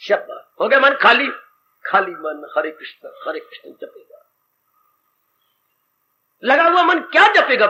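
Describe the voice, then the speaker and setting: A man's voice: extremely high pitch, pushed and bright. A man giving a devotional sermon, dramatic and rhetorical, with sighing exclamations. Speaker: spiritual teacher. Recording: muffled old tape with faint hiss.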